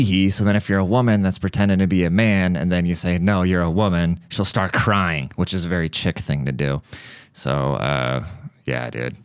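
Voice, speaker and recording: A man's voice: sits low, clear, resonant tone, no room sound, clean studio sound. A young man hosting a podcast, telling crude, irreverent stories in a casual comic monologue. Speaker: podcast host.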